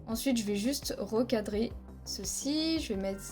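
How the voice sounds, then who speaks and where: A woman's voice: on the high side, expressive, unhurried, darkish tone, faint music behind. A woman teaching a video editing tutorial over a headset mic, explaining each step plainly and counting frames aloud. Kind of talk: screen-recorded software tutorial.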